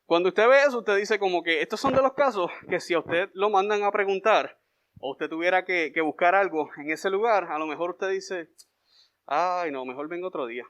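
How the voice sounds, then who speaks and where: A man's voice: high voice, fairly quick, a bit bright. A man preaching a sermon in a conversational way, acting out the voices of the people he quotes. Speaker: pastor.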